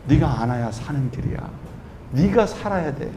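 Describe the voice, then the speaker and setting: A preacher giving voice to a firm, urging divine voice. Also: male voice, a little high, lively intonation, moderate pace, dark tone, reverberant, slight background noise, natural voice.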